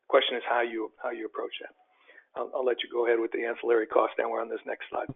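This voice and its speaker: A man co-presenting a webinar, explaining in a measured way and repeating words as he goes. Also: mid-range voice, completely flat delivery, gravelly, slightly rough. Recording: phone-like webinar audio.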